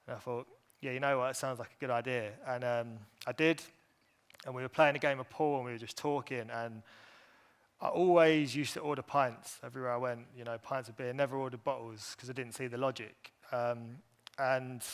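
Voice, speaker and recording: A man telling his personal story to a conference audience, candid and halting, with many fillers and restarts. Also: medium pitch, clean tone. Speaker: speaker at an industry event.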